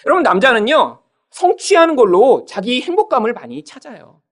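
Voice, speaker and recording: Lively high-voiced male pastor preaching. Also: a little fast. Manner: animated preaching, often addresses "여러분", acts out quoted voices. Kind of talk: sermon. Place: church sanctuary.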